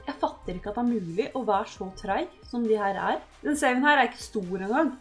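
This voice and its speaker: A woman giving casual let's-play commentary, excitable and yelping at her game characters. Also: fairly high pitch, faint music behind. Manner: excitable, yelps and shouts at the characters. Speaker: gaming host.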